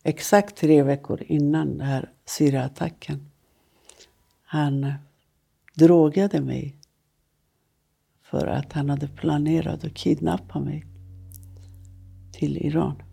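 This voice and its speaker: Hushed gravelly woman giving painful testimony. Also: deep voice, fairly even intonation. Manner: halting, slow, pained and hushed. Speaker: interviewee recounting abuse. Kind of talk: emotional personal testimony.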